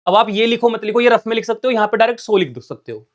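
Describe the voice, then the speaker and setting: A man's voice: high voice, animated. Hindi man quizzing his class. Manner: quizzes students with quick questions and answers them himself; talks while writing, reading out numbers. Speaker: accountancy teacher. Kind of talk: online lesson, solving on a board.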